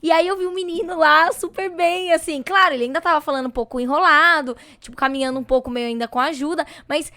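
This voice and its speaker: High-voiced young Brazilian woman. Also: fast, hardly any pauses, no echo. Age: 20s. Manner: animated, preachy storytelling with dramatic emphasis. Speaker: podcast guest, singer and missionary. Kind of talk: casual podcast chat.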